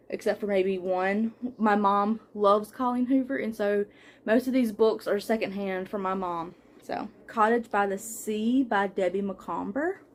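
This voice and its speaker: A young adult woman chatting casually as a book vlogger at home, listing titles from her shelves with fillers and small laughs. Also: mid-range voice. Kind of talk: casual book haul chat. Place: home room with bookshelves.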